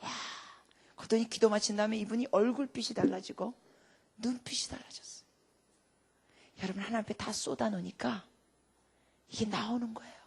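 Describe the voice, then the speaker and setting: Dramatic woman preacher with a highish voice. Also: steady tone, a little fast, gravelly, long pauses, husky. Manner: dramatic delivery swinging from loud emphasis to hushed whispers; storytelling with rhetorical questions to the congregation. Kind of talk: sermon.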